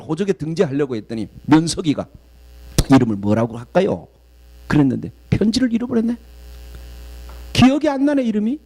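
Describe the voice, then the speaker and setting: A man from southeastern Korea, a guest pastor preaching a sermon and telling stories in an animated way. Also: high voice. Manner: animated storytelling, acts out quoted voices.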